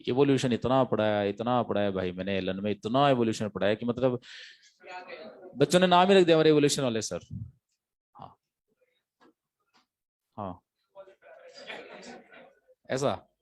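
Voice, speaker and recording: A man's voice: mid-range voice, darkish tone. A man teaching biology to exam students, an emphatic lecturer who repeats key phrases and quizzes his class.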